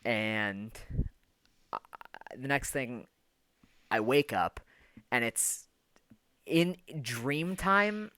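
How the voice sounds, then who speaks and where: Bright-voiced man rambling through a story. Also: medium pitch, lively intonation, extremely slow, long pauses, clean tone. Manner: rambling storyteller, heavy on fillers and swearing. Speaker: podcast co-host. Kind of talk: casual chat.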